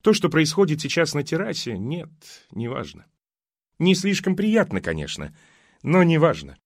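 A man narrating an audiobook in an expressive, dramatic reading. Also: on the high side, normal speed, no room sound, clean studio sound.

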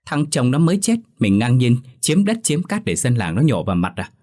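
A man's voice: medium pitch, sing-song, brisk, dark tone, pitched above the performer's own voice. A man voicing a greedy, cunning middle-aged village official in a storytelling narration, speaking with a contemptuous hiss. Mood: scornful. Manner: hissing, contemptuous.

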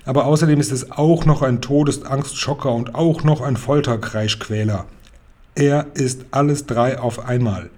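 Storybook giant done by a male reader: old, kindly, excitable, garbled speech, mellow tone. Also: mid-range voice, moderate pace, natural voice. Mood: excited. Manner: excited, garbled word choices.

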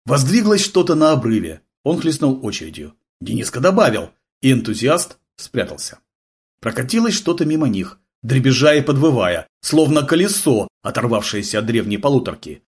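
Male audiobook narrator, husky tone, very animated delivery for action scenes. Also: medium pitch, normal speed. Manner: vivid, dramatic storytelling.

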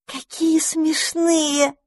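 A woman voicing a young boy mouse, eager and kind, talking in an excited way. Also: high voice, drawn-out words, no room sound, clean studio sound, pitched above the performer's own voice, exaggerated voice. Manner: excited, bright-eyed.

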